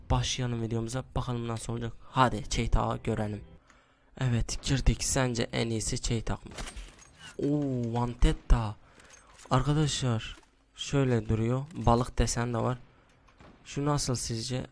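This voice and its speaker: A young man giving casual commentary while he plays a shooter game, mostly hushed because it is late at night, with sudden excited outbursts and groans. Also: medium pitch, moderate pace, slight background noise. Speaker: gaming YouTuber. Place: room at home at night.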